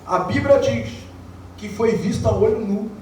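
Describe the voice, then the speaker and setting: A Brazilian man preaching an evangelical sermon, building to shouted, sung climaxes. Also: extremely high pitch, a little slow, recorded from a distance, slight background noise. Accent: Brazilian Portuguese. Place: church. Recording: echoey church hall heard from afar, music behind.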